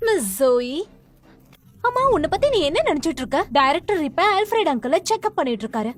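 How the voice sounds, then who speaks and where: Sneering rich villainess. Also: female voice, high voice, big pitch swings, fairly quick. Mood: scornful. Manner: sneering, bossy. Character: spiteful young rich woman, villainess. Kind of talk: dubbed drama.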